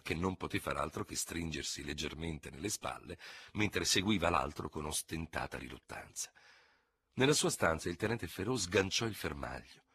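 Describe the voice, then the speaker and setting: Husky low male audiobook narrator. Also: fairly bright tone, no echo.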